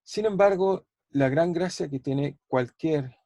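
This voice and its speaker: Gravelly-voiced professor giving an online lecture. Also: male voice, a little high, takes it slowly, dark tone, no echo. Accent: Chilean Spanish. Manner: thinking aloud, repeating words, asking students questions. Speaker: physics professor.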